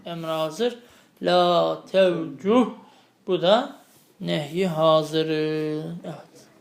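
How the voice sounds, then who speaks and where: A man's voice: on the high side, very slow, gravelly, reverberant. A male teacher lecturing on grammar, repeating each term and checking with students through questions. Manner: explains by repeating terms and asking students questions. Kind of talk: lecturing on classical Arabic grammar.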